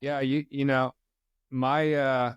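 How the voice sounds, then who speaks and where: A middle-aged man from Poland talks in a loose, wandering way, dropping plenty of fillers as a podcast guest. His voice is smooth and resonant. The sound is dry and close. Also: mid-range voice, takes it slowly, no echo, lo-fi sound. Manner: relaxed, rambling, frequent "you know" fillers. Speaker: podcast guest, company co-founder. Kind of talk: casual interview chat.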